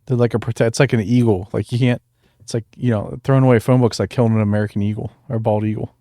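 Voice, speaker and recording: A man's voice: medium pitch, fairly even intonation, quick pace, warm tone, no room sound. A man co-hosting a podcast, chiming in with dry, offhand jokes. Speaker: podcast co-host. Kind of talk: casual chat.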